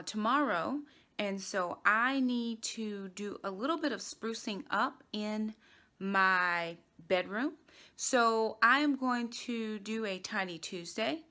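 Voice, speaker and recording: Middle-aged woman vlogging at home, chatty and upbeat, phone cam at arm's length, normal pitch. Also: bright, forceful tone. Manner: chatty and upbeat, drawn-out emphasis. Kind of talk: casual cleaning vlog. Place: bedroom in a home. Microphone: phone camera at arm's length.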